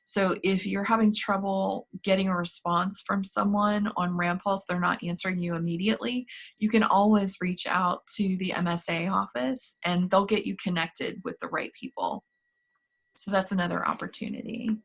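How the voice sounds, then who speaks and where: A woman's voice: medium pitch, steady tone, moderate pace, creaky, a bit bright. A woman on staff hosting a virtual campus meeting in an upbeat, chatty, encouraging way over a video call. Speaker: student activities staff host. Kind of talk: casual virtual meeting talk.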